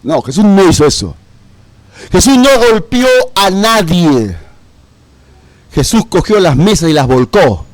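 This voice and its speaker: A man's voice: fairly high pitch, sing-song, unhurried, pauses often. A man preaching a sermon as pastor, emphatic, with rhetorical questions and repeated key words.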